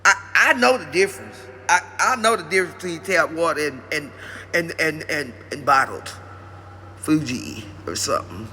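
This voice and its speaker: A man's voice: a little high, lively intonation, normal speed, pushed and bright, slight background noise, exaggerated voice. A man voicing an indignant male service dog who complains at length that he is not paid. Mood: smug. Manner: aggrieved, complaining, long-winded.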